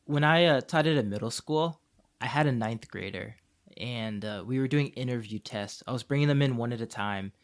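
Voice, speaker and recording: A man co-hosting a casual podcast, an English teacher who tells classroom stories with lively acted-out dialogue. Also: mid-range voice, normal speed. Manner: animated storyteller, acts out dialogue.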